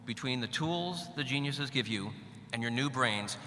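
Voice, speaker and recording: A middle-aged man delivers a commencement address in a big hall, his voice ringing back with a long echo. His tone is very bright and forceful, cut with wry asides. A faint hum sits under the room. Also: mid-range voice, expressive, moderate pace. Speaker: commencement speaker. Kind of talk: graduation speech. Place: large hall.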